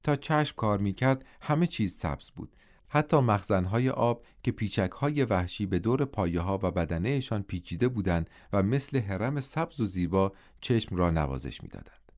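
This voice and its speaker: A man reading a novel aloud as an audiobook in a low-set voice. His storytelling is measured and steady from line to line. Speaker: narrator. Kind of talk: audiobook narration.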